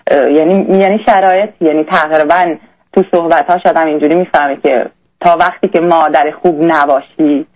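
A young woman calling in to a radio advice show, talking in a halting, hesitant way with many restarts. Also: low-pitched, steady tone, lo-fi sound. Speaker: caller. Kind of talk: radio call-in conversation.

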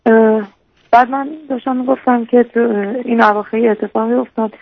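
A woman's voice: a little high, steady tone, creaky, no room sound. A young woman calling a radio advice show, telling a personal story hesitantly, with many fillers and restarts. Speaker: radio caller. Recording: muffled lo-fi radio line.

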